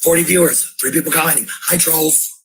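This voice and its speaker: On a home livestream, a woman who is a parent argues and rants at her viewers, blunt, confrontational and swearing freely. Her voice is deep and brisk, with a little hiss or hum in the recording.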